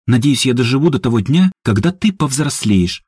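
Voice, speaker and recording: A man voicing a calm, wry young man with an unruffled manner. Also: mid-range voice, moderate pace, slightly rough, dry recording, studio quality, voice pushed up.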